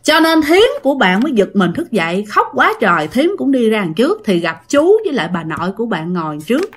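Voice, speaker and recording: A woman's voice: a little high, very animated, brisk, slightly rough. A woman telling a ghost story in a chatty way, speaking straight to her listeners. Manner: chatty, addresses listeners directly. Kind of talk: casual ghost story narration.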